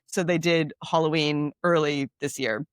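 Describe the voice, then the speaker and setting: A woman with a cold co-hosts a podcast in easygoing chat, her voice pitched on the low side. She is talkative and laughs easily, often repeating a phrase back. The sound is close and dry, with no room around it. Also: steady tone, unhurried, no echo. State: has a cold. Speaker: podcast co-host.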